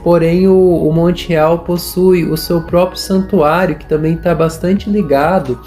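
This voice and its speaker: With a caipira accent from Norte Pioneiro, Paraná, Brazil, this young man narrates his history podcast in a loose, hesitant style full of fillers and restarts. A history student and podcast host, he has a voice on the high side with a dark tone.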